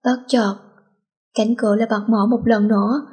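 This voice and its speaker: A woman reading a teen novel aloud in a steady, plain storytelling manner. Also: fairly high pitch, moderate pace.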